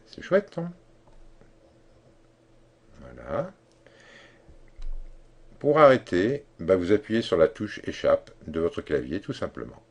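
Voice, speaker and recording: A man giving a screen-recorded software tutorial, explaining step by step in a halting way with many fillers and restarts. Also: deep voice, big pitch swings, breathy edge. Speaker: tutorial instructor.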